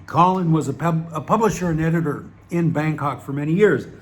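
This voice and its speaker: A man with a Southern American accent, from the Southern US, hosts his channel in a slightly high voice at a slightly fast pace. He rambles wryly from topic to topic, leaning on fillers and frequent restarts.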